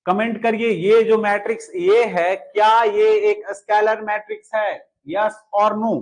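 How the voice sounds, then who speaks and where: Male teacher running an online class, high voice, repeats himself, keeps checking if students follow. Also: level tone, a little slow, low-quality recording. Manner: asks students to answer and comment, repeats key points. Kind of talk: online lesson solving exam questions.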